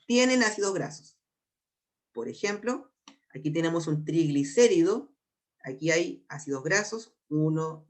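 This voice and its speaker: With a Chilean accent and a medium-pitched voice, this young adult biology teacher works through exam prep material. The explanation is patient, easing the pace whenever key terms get repeated.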